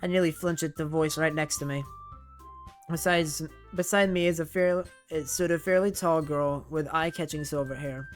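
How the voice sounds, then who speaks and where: With faint music behind him, a man with a fairly high, fairly even voice reads visual novel text aloud at a moderate pace in a let's play. He keeps stopping for chatty commentary, fixing his words mid-sentence and laughing at his own slips.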